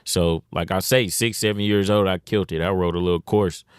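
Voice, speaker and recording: In a casual podcast interview, a young rapper from Detroit, USA, speaks in laid-back slang, often saying "you know what I'm saying." His low-pitched voice is clear and resonant, with fairly even intonation and a fairly quick pace. The clean studio sound has no echo.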